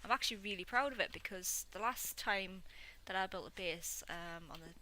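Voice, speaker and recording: A young woman chatting casually and self-mockingly while playing a game, sometimes muttering quietly to herself. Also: medium pitch, moderate pace. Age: young adult. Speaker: gameplay video host. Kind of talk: casual gameplay commentary. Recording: noisy home recording.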